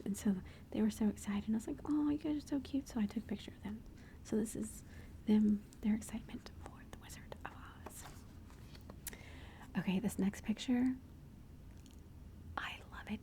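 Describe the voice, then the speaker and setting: Whispering the whole time in an ASMR photo show-and-tell, a mother shares family pictures and gushes fondly over her kids. Her medium-pitched voice is mellow and chatty, with slight background noise.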